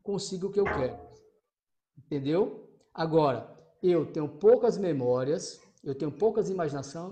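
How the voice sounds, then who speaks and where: Emphatic Brazilian man with a mellow voice. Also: a little high. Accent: Brazilian Portuguese. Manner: emphatic, repetitive, swears freely, asks rhetorical questions. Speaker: motivational coach for exam candidates. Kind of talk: energetic motivational talk.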